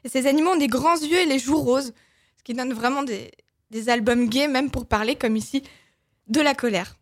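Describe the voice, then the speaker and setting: A woman's voice: high-pitched, normal speed. A woman reviewing illustrated children's books on the radio, enthusiastic, with small hesitations. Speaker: book reviewer. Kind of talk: casual radio book review.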